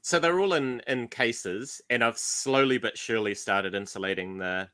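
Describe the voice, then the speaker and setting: A man's voice: medium pitch, moderate pace, bright, forceful tone, no echo. A middle-aged man with a New Zealand accent, hosting a casual livestream chat and joking often. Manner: joking, chatty. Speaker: livestream host.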